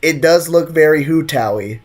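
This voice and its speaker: His voice is a little high and moves at a normal speed, with slight background noise in the mix. A young man from the US, he streams a game and chats casually and slangily, reading his chat and replying, while game music plays.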